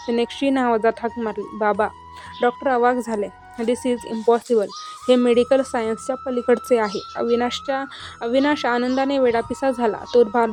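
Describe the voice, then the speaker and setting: A woman's voice: a little high, darkish tone. A woman narrating a devotional story in an earnest way, speaking directly to listeners as fellow devotees.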